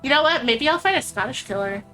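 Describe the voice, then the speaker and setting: Woman stream co-host, bright tone, rambling casual chat, light music behind. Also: sits high, expressive, quick pace.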